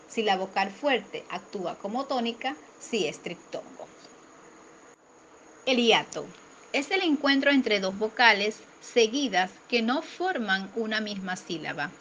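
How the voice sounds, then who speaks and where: A woman teacher reads a grammar lesson aloud at an even, careful pace, slowing on each example word. Her voice sits at a middle pitch, with a faint noise in the background. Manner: steady, careful reading with example words spelled out.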